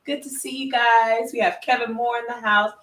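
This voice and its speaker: A woman's voice: fairly high pitch, fairly even intonation, normal speed, a bit bright. An older woman co-hosting a live stream, cheerfully greeting viewers by name and laughing often. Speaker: co-host. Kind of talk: live-stream shout-outs. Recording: echoey room, far from mic, faint noise.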